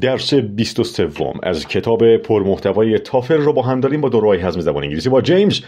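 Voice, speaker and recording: A man with a Persian accent teaching English vocabulary in an online lesson, explaining at length and slowing down for careful English examples. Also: on the low side, big pitch swings, mellow.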